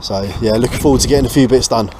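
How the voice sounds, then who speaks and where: Working on and around a small boat, an English vlogger explains his restoration job in rapid-fire speech, his voice medium in pitch. The chat is casual, hands-on, and blokey, and location background noise comes through in the recording.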